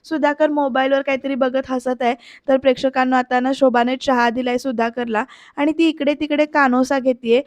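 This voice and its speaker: A high-voiced woman narrates a TV serial recap, turning to her viewers often. The sound is close and dry, and the telling is lively and chatty. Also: moderate pace, no room sound. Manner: animated, addresses viewers directly.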